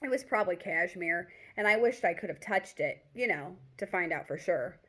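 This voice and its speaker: With a fairly low voice at normal speed, a woman reads aloud a first-person narrative. She keeps it expressive and conversational but occasionally stumbles and repeats words.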